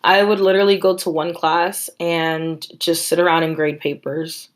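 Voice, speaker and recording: A woman's voice: sits low, little pitch movement, normal speed. Playful chatty young woman. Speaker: podcast co-host. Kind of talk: casual review chat.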